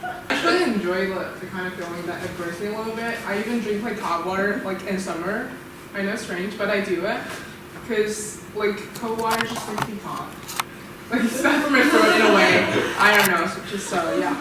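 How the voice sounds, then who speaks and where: A woman's voice: mid-range voice, moderate pace. A young woman student from China speaking in a casual group discussion, hesitant with fillers. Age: young adult. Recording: echoey room, distant mic, background noise.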